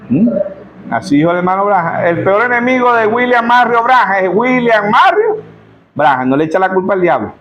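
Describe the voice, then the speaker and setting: Male pastor, Zulia Venezuelan accent, high register, call-and-response church sermon. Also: slight background noise, poor audio. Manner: rhetorical call-and-response, keeps asking the congregation "yes or no".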